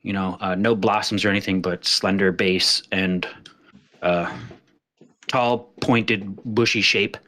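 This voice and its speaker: A man acting as game master, narrating a tabletop game in a casual, halting, informal way. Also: deep voice, steady tone, pushed and bright.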